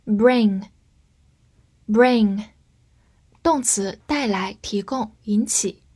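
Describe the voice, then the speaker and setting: In a scripted English vocabulary lesson, a woman spells out words and leads slow read-along drills. Her mid-range voice is husky and a little mellow.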